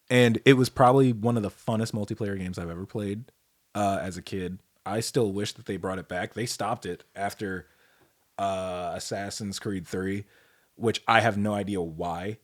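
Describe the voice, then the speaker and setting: A young man co-hosting a casual podcast, calmly explaining games and trailing off quietly. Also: lowish voice, moderate pace. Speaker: podcast co-host. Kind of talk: casual chat.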